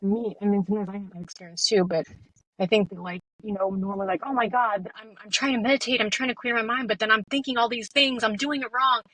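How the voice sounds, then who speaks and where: A woman speaking as a guest in a casual interview, reflective and soft-spoken, with many fillers. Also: medium pitch, steady tone, fast, no echo, low-quality recording. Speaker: guest, meditation teacher.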